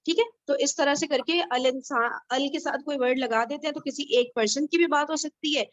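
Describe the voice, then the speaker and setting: A woman with a high voice leads an online study group, explaining each grammar point patiently and pausing often to check that everyone follows. She is from Pakistan. Her voice comes through dry and muffled, like call audio. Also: no echo. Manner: explains patiently, keeps checking understanding with "theek hai?".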